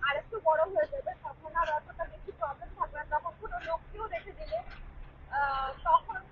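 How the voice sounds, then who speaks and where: A woman with a high, bright voice rambles through a casual vlog chat, full of fillers. She records on a phone from a vehicle stuck in traffic. The sound is muffled and loud road noise runs behind her. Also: lively intonation, a little fast. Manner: chatty, rambling with many fillers. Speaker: vlogger.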